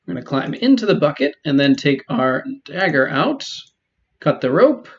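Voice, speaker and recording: A man giving relaxed, chatty commentary while playing a game, with many ums. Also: on the high side, normal speed, dull audio. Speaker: let's play host. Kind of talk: casual gameplay commentary.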